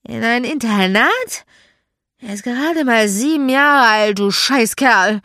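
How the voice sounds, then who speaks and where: Shrill tipsy woman voiced by a woman reader, sharp-tongued, foul-mouthed, high shrieks, slow drawl, audiobook. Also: animated, dry recording, clean studio sound, full character voice. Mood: scornful.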